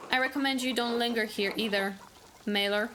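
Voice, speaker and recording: A woman's voice: a little high, fairly even intonation, a little fast, fairly bright tone, a little hiss or hum, natural voice. A woman voicing an arrogant, condescending male village doctor from a video game, reading his lines aloud in a haughty tone. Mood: disdainful.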